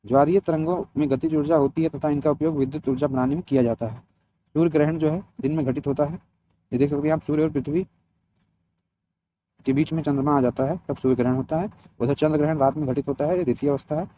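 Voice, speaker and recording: A higher-voiced man, a geography teacher for competitive exam students, reads a scripted lesson aloud with short explanations. His intonation is fairly even and his pace quick. The recording is dull, lo-fi, and muffled, with a little hiss or hum.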